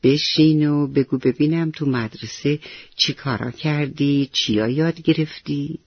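A woman voicing a gentle, doting mother who coaxes her young son with affectionate words, in a children's story reading. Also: low voice, slightly rough, no room sound, lo-fi sound. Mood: coaxing. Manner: soft, affectionate coaxing.

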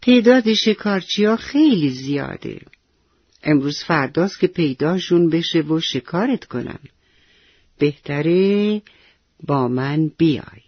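Gentle kindly stag told by a storyteller. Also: mid-range voice, lively intonation, breathy edge, no room sound, dull audio. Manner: gentle, patient. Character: kind calm male deer with tall antlers.

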